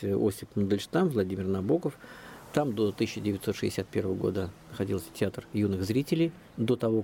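A man's voice: on the low side, gravelly, slight background noise. A man speaking as a local historian guest on a radio interview, explaining at length in a chatty, discursive way. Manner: chatty, discursive, lively storytelling.

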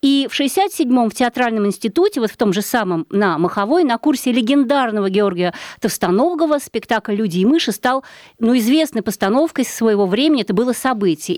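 A woman's voice: a little high, a little mellow, no room sound, clean studio sound. Chatty woman hosting a call-in radio show. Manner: articulate, chatty, explains at length.

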